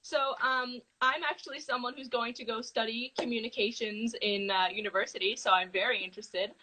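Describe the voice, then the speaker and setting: Teen girl host for a video-call interview, bright voice sitting high, eager and gushing. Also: steady tone, poor audio. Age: teens. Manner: eager and gushing, quick to react.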